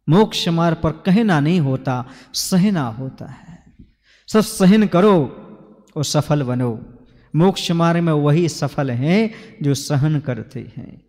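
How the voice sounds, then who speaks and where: A man's voice: on the high side, darkish tone. A man who is a Jain monk, giving a sermon on scripture, asking his listeners questions and reciting rhyming couplets. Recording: long hall reverb.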